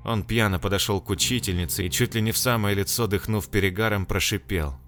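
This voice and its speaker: A man reading an audiobook, expressive, acting out the dialogue. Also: fairly low pitch, quick pace, faint music behind. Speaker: narrator. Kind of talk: audiobook narration.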